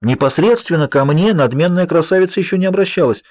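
A man narrating a novel in the first person with an even, measured reading. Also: on the high side, no echo. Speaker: audiobook narrator.

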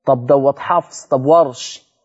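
A man with an Egyptian accent teaching Quran recitation rules on a religious broadcast, repeating words slowly and asking his audience rhetorical questions. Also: medium pitch, fairly even intonation, darkish tone, husky, highs cut off. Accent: Egyptian Arabic. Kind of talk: televised religious lesson.

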